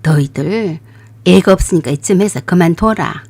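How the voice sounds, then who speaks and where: A woman voicing a stern, scolding older mother-in-law in a radio drama, lowering her voice into sharp rebukes. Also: normal speed. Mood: cold, stern.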